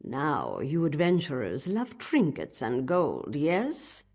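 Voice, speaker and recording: Haughty old sorceress, low husky voice, commanding, formal, fantasy game. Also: female voice, wildly swooping pitch, slow pace, a little mellow, exaggerated voice. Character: imperious, haughty old female wizard master. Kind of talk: fantasy game dramatic acting.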